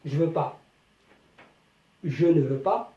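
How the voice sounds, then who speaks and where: Mellow teacher voice with a lively pitch. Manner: slow, deliberate, repeats each example several times. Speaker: French language teacher. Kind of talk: explanatory lesson. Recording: dull, echoey room, voice from a distance.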